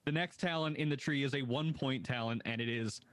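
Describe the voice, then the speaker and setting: A man's voice: medium pitch, a little fast, no echo. A man presenting a game reveal, enthusiastic and asking his co-host questions.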